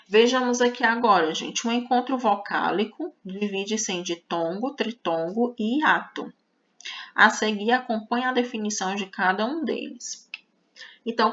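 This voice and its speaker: A woman's voice: a little high, a bit bright. A woman teaching a grammar lesson, explaining step by step and checking in with her students. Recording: slightly dull, lo-fi audio.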